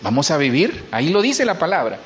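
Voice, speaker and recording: A man's voice: a little high, very animated, a little fast, a bit bright, slight background noise. A middle-aged man, a pastor preaching a sermon in church and asking the congregation questions. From Honduras.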